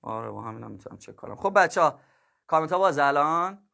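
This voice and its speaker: A man whose voice sits slightly above the usual range chats loosely on a math livestream, cracking jokes, laughing readily and addressing students as kids and dear ones. He sounds expressive and gravelly, with a sharp tone.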